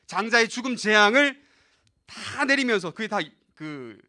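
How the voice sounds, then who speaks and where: A man's voice: high-pitched, expressive, moderate pace, bright, forceful tone. A man preaching a live sermon as pastor, addressing the young listeners directly and acting out the voices in the scripture. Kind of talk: live sermon to a youth service.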